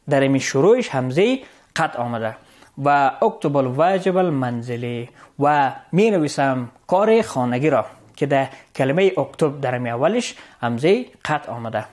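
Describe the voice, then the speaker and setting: Lively Afghan Dari-accented male teacher. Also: mid-range voice. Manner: keeps asking "right?" with a rising check, reads slowly then translates. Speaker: Arabic teacher. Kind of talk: recorded classroom lesson.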